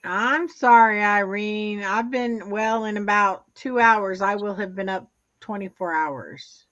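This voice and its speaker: A woman talks very slowly in a bright, drawling voice, sounding worn out after a long day. Her mic is dull and lo-fi, and it sounds close and dry. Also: medium pitch, dry recording. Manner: slow reactive exclamations, drawling. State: tired. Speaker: podcast co-host. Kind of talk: casual chat.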